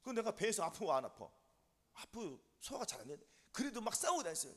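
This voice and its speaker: In a church sanctuary with a long reverb tail, a male pastor preaches very animatedly and fast, his high voice a bit bright. He drills the congregation with back-and-forth, call-and-response questions.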